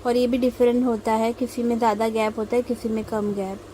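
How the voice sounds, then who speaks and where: A young woman from India explaining step by step as a tutorial host, slow and patient, with frequent pauses. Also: on the high side, level tone, mellow, a little hiss or hum, rough recording. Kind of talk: instructional voice-over while drawing.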